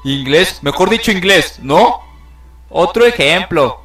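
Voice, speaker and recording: A man's voice: high voice, animated, moderate pace, a bit bright, echoey room, distant mic, soft background music. A man narrating an educational video in a playful, theatrical way, exclaiming in mock outrage.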